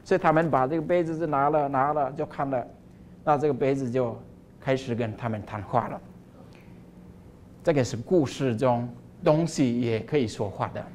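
A male priest tells a story during a homily at a middling pitch. His delivery is lively and expressive, with an easy storytelling rhythm. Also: normal speed, a little hiss or hum.

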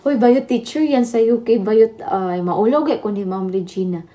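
A woman's voice: fairly high pitch, mellow. A woman hosting a casual livestream, chatting and laughing with viewers. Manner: chatty, laughing, switching between Tagalog and Visayan. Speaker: livestream host. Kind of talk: casual live chat with viewers.

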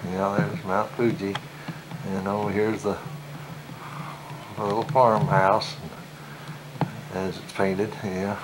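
A man narrating a family home video from behind the camcorder, chatty and relaxed, recorded on an old VHS tape. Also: fairly low pitch, takes it slowly, long pauses, background noise. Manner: relaxed, chatty, mumbling asides. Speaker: home video camera operator. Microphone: camcorder built-in mic.

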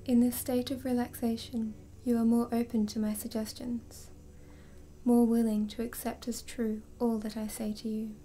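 A woman hypnotist leading a slow, soothing induction, drifting in and out of a whisper. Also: on the high side, little pitch movement, warm tone, low-quality recording.

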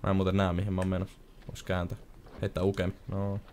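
Low-voiced man chatting over a game. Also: monotone, slight background noise. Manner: chatty storyteller, sudden loud outbursts. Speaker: gamer co-host. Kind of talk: casual let's-play chat.

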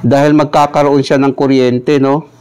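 A man's voice: mid-range voice, little pitch movement, normal speed, a little mellow, smooth. A middle-aged Filipino man with missing front teeth gives a casual instructional explanation, often checking in with listeners. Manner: frequent "no?" check-ins, addressing viewers informally. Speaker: electrical technician giving a tutorial. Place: small indoor room at a table.

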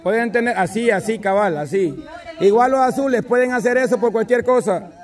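A man running an outdoor rope-crossing contest, giving brisk commands and repeating his calls. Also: high voice. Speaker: event organizer calling a rope-crossing contest. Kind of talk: live instructions to teams outdoors.

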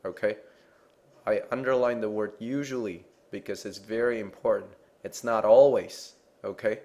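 A man with a fairly low voice walks through a chemistry lesson. He explains step by step, pausing to check in with "okay?", in a patient teacher's manner. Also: fairly even intonation, darkish tone. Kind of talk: explaining slides in a lecture.

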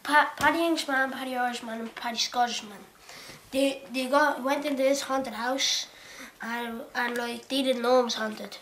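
A woman tells a long joke, stumbling and restarting as she goes. Her voice is high, with faint noise behind her. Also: fairly even intonation, fairly bright tone. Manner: halting, stumbling storytelling. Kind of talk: telling a joke.

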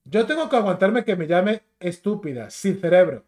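A man's voice: sits high, very animated, moderate pace, darkish tone. A man with a Spain Spanish accent ranting as a YouTube commentator, combative, mocking and insulting.

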